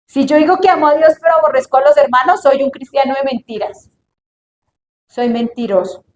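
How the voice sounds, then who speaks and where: A woman teaching from the Bible in an earnest way, dropping to a hushed voice when she acts out prayers. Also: high-pitched, fairly quick. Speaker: preacher. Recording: echoey room with faint noise.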